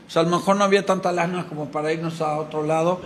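A man with a slightly raised voice speaks earnestly and gratefully about his play at a press conference. He addresses the audience directly and warmly thanks them. Faint noise sits behind him. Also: fairly high pitch, steady tone, fast. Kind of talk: promotional talk.

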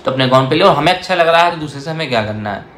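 A man's voice: fairly high pitch, animated, rapid-fire, fairly bright tone. A man, the vlogger's husband, chatting casually with easygoing joking asides. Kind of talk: casual chat. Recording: roomy echo, faint noise.

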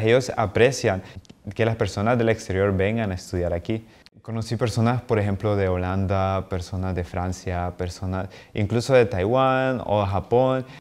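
A young man, speaking in a slightly low voice. He gives an earnest, friendly student testimonial straight to camera, gesturing with his hands as he talks. He is recorded on a lapel mic in a small, bright office. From Honduras. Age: young adult. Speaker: international student.

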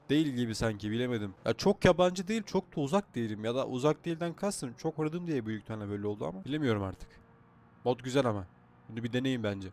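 A man's voice: medium pitch, a little mellow. A man with a sore throat, chatting casually and swearing as he comments on his own driving game. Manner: chatty, swears freely, thinks aloud. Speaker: gaming YouTuber.

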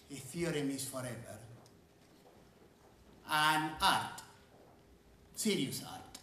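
Man, 60s, conference keynote, emphatic, stretched words, slightly high voice, roomy hall. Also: sharp tone, a little hiss or hum. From Argentina. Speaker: engineering school dean giving a keynote. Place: large conference stage. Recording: roomy hall sound from a distance.

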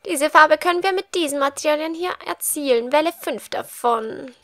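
A courteous video game shopkeeper, acted out by a woman, speaks in a high, bright voice. The manner is polite and flattering, with a showy sales touch. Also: normal speed, no room sound, soft background music. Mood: courteous, instructing. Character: courteous, flattering dye shop keeper serving a customer. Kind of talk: game dialogue read aloud in character.

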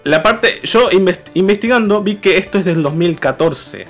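A man's voice: high-pitched, lively intonation, normal speed, soft background music. A young man with an Argentine accent, presenting a slideshow on a comedy stream, joking crudely and swearing a lot. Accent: Argentine Spanish.

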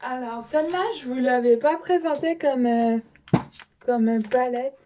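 A woman's voice: high-pitched, unhurried, dark tone, highs cut off. A young French-speaking woman presenting makeup in a casual vlog, hesitant with many fillers. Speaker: beauty vlogger. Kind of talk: casual show-and-tell vlog.

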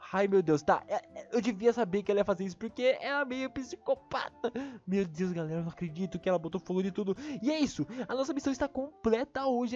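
A man with a Brazilian accent giving excitable Minecraft let's-play commentary, jumping to high-pitched yelps when alarmed. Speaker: gaming YouTuber. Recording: dull lo-fi voice with faint music.

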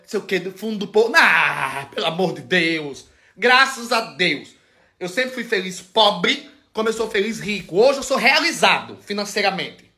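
Bright-voiced theatrical man. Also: high-pitched. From Brazil. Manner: theatrical, emphatic, swears freely. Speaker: vlogger. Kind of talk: venting monologue to camera.

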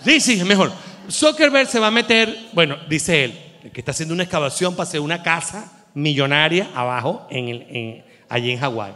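A man's voice: fairly high pitch, bright, forceful tone, in a large hall. A man with a Venezuelan accent doing a rambling, exasperated, crude stand-up comedy monologue. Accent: Venezuelan Spanish.

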